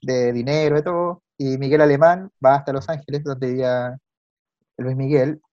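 A man's voice: medium pitch, moderate pace, dry recording, highs cut off. Colloquial Chilean man telling background. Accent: Chilean Spanish. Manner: lively storytelling, colloquial. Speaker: podcast co-host. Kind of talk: casual podcast chat.

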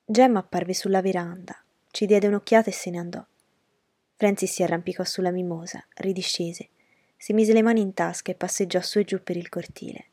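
A woman narrating a novel in a measured, storytelling way. Her voice sits somewhat low. The sound is dry and close. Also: steady tone, mellow, breathy edge, dry recording. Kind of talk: audiobook reading of a novel.

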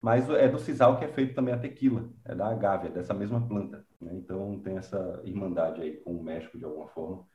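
A composer and professor from Bahia, Brazil, talks unhurriedly in a relaxed conversational interview, thinking aloud with many fillers. His voice is deep and dark, delivered fast with hardly any pauses, and the roomy recording has its highs cut off.

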